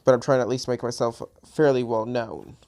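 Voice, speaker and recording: A man at a mid pitch talks over his gameplay in a loose, rambling way. He sounds a bit tired and often trails off or restarts his sentences. It is plain, unscripted commentary into a home microphone. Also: fairly even intonation, brisk, a little mellow. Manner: rambling, chatty, self-correcting. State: a little tired. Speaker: gaming channel host.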